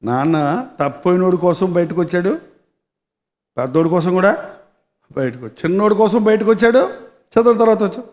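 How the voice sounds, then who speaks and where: A man pastor preaching a sermon with animated storytelling, often putting rhetorical questions to the congregation. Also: sits high, a little fast, long pauses, long reverb tail. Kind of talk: Telugu sermon.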